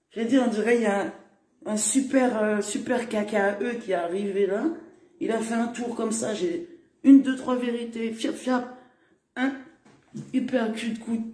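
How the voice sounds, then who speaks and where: A woman's voice: fairly low pitch, dark tone. A woman hosting a live stream, chatting casually with her viewers and swearing now and then. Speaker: livestream host. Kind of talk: casual livestream commentary. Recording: roomy echo.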